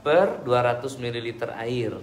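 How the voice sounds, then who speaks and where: A man's voice: medium pitch, fairly even intonation, moderate pace, slight background noise. A man, an ustaz answering questions from his audience in a conversational way, acting out little dialogues and checking that they understood. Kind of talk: religious talk with audience Q&A. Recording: echoey hall.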